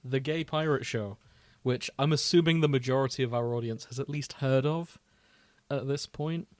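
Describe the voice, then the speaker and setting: A podcast co-host chats casually and comically, telling stories in a wry, mock-serious manner. His voice is mid-range and a little mellow, at a normal speed, with no room sound.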